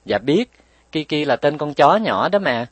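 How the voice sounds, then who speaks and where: Man doing a little girl, feisty, cheeky, high-pitched, dry close sound. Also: sing-song, measured pace, husky, no room sound, exaggerated voice. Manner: pleading, cheeky, raised pitch. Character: playful stubborn little girl, feisty biter.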